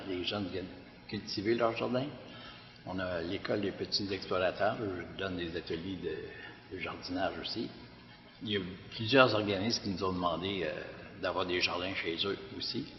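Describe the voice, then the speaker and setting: A man with a deep voice and a Québécois French accent, director of a community garden organization, gives public testimony about his garden to an audience. He speaks in a steady tone but hesitantly, with many "euh" fillers and restarts. The lo-fi recording sounds dull, with a long echo from the hall.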